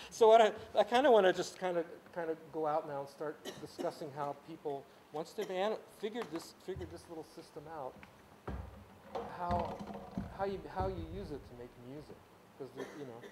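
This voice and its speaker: A man from a Ukrainian-speaking background, a music teacher, holds an informal workshop class on sound in a workshop room at a camp. His voice is a little high and his speed normal as he explains at rambling length, restarting often and filling with "you know"s. The background is noisy.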